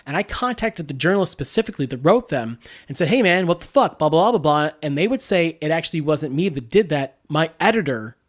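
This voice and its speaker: A man's voice: on the high side, animated, fairly quick, few pauses. Blunt, opinionated male podcast host. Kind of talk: casual chat.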